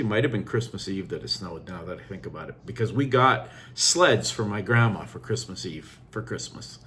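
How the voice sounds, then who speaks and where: A man's voice: sits low, slight background noise. A man in his sixties from Norway with a Norwegian accent, casually reminiscing in a rambling vlog monologue full of fillers. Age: 60s. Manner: rambling, warm storytelling with fillers and switches into Norwegian. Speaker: vlogger.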